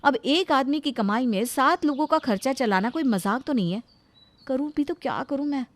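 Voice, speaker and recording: A woman voicing a worried young housewife who frets quietly over money in a cartoon story. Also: sits high, lively intonation, normal speed, dry recording, voice pushed up. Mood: fretful.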